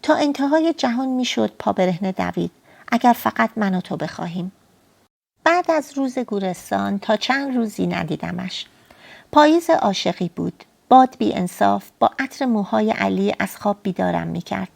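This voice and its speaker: Woman reading a love story audiobook, soft and poetic, lots of vocal fry. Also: mid-range voice, animated. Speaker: audiobook narrator. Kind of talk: first-person novel narration.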